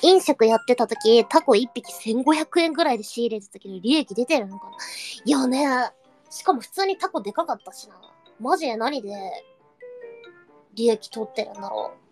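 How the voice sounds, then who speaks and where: High-pitched girl streamer just chatting w/ chat, mostly standard japanese w/ bits of kansai slipping in, lil bgm in the back. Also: animated, a little mellow, soft background music. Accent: standard Japanese with occasional Kansai dialect. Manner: chatty, reacts with quick surprised asides. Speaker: live streamer. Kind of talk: casual chat reading viewer comments.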